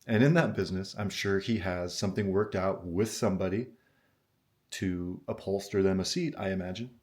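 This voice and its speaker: Male vlogger, slightly low register, casual storyteller, puzzled and conversational. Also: normal speed, a little mellow. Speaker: vlogger telling an anecdote.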